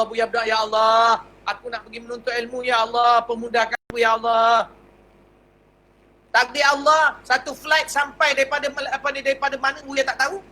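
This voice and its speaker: A Malaysian man with a Malay accent, a religious teacher telling a personal story in a lively, anecdotal lecture. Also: high voice, low-quality recording. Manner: lively anecdotal telling, acts out dialogue, chuckles.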